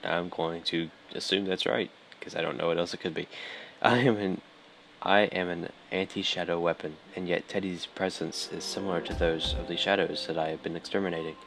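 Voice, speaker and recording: A man's voice: sits low, steady tone, fairly quick, vocal fry, a bit bright, slight background noise. A man hosting a let's play, reading the game text aloud in an offhand, dry way, stumbling over lines, with game music behind.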